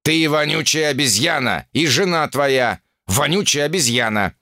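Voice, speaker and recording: A scornful tall man hurls insults in a mocking, raised voice, as a male reader plays him. The delivery is lively and the sound dry and close. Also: fairly high pitch, moderate pace, no echo, voice pushed up.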